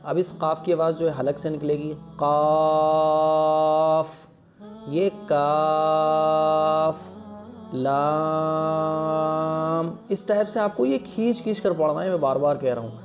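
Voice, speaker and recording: A man's voice: fairly high pitch, dark tone. A man teaching the Arabic letters as a Quran lesson, patiently stretching each letter sound and checking in often with his listeners.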